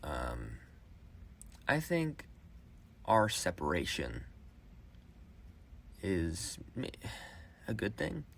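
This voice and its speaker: A young man with a deep, low voice talks on in a halting way, stopping and starting over. He records himself on a phone voice memo, alone indoors. A faint hum sits behind him. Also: huge pitch swings, creaky, fairly bright tone. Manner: halting, with restarts and fillers. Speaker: vlogger. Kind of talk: rambling personal monologue.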